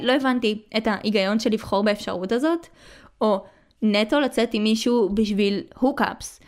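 A woman in her early twenties with an Israeli accent, chatting casually in slangy speech with English words mixed in. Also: fairly high pitch. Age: early 20s. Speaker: podcast host.

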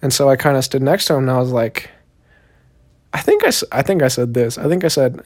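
A young man from Texas, USA, with a Southern Texan accent, hosts a solo podcast, rambling in a laid-back, profane way full of fillers. His mid-range voice is animated and a little fast, with a darkish tone.

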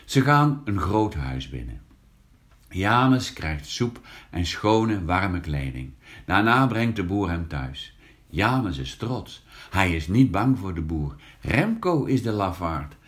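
Slow, lively male storyteller. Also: low voice. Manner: slow, lively storytelling with raised voices for characters. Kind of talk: reading a children's story aloud.

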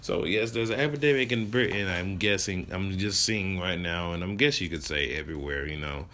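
A man's voice: sits low, a little fast, sharp tone. A man hosting a casual storytelling show, rambling with many restarts and fillers, chuckling at his own stories. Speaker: podcast host telling stories.

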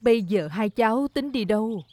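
A woman voicing a kind, wealthy lady who speaks gently and like a mother. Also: on the high side, lively intonation, normal speed, no room sound, natural voice. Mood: kindly.

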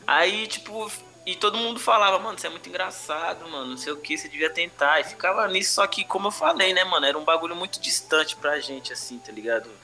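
A man's voice: sits high, quick pace, hardly any pauses, pushed and bright, soft background music. A man with a Brazilian Portuguese accent from São Paulo tells personal stories casually, podcast style, in heavy street slang with frequent conversational tags. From Brazil, urban periphery. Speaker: comedian interview guest.

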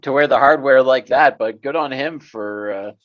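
A man co-hosting a casual sports podcast, halting and hesitant, cursing casually. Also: mid-range voice, muffled recording. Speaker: podcast co-host.

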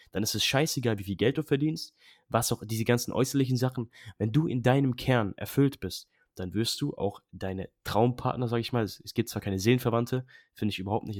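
A man's voice: lowish voice, a little mellow, dry recording, studio quality. A young man in casual podcast chat, talking bluntly and emphatically with lots of slang. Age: young adult.

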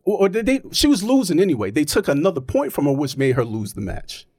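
A man's voice: on the high side, big pitch swings, quick pace, a little mellow, slightly rough, no room sound, clean studio sound. A man in casual, opinionated chat, arguing his point emphatically and often checking in with "right?".

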